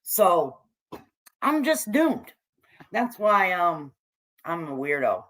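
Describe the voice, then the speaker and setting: A middle-aged or older American woman, raised among hippies, hosts a casual livestream, reading and answering chat with salty, slangy, irreverent jokes. Her voice sits slightly low and fairly bright, with big pitch swings and a slow pace.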